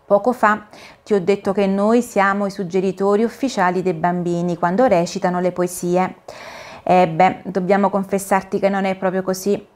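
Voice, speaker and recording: A woman's voice: mid-range voice, level tone, moderate pace, a little mellow, natural voice. A woman voicing a polite, earnest little male caterpillar who speaks in a solemn, careful storybook manner. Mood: confiding.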